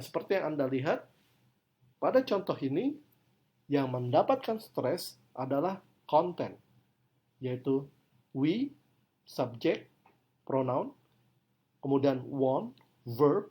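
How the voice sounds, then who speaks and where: A man's voice: on the high side, darkish tone. A man lecturing on English pronunciation, explaining in his own language and speaking example sentences with exaggerated stress.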